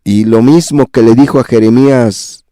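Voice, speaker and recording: A man's voice: medium pitch, steady tone, normal speed, warm tone, no echo. A man preaching a sermon as pastor, addressing the congregation as brother and sister and building repetitive lists into impassioned pleas.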